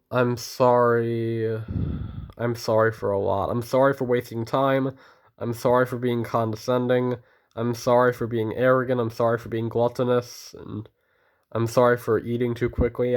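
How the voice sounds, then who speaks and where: A man's voice: medium pitch, smooth. A teenage boy vlogging alone in a casual monologue, earnest and rambling as he thanks people and apologizes. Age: teens. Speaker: student vlogger.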